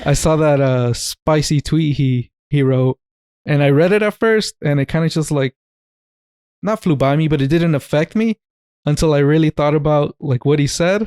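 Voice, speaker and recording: A man co-hosting a casual podcast, with a voice pitched a little high for a man. He jokes, laughs often and swears freely. The sound is dry and close to the mic. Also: moderate pace, darkish tone, clean tone, dry recording. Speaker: podcast co-host. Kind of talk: casual chat.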